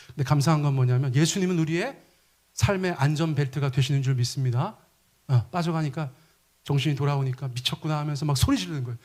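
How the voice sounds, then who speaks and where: A man's voice: a little high, darkish tone. A middle-aged male pastor preaching a sermon, asking the congregation questions and acting out quoted lines.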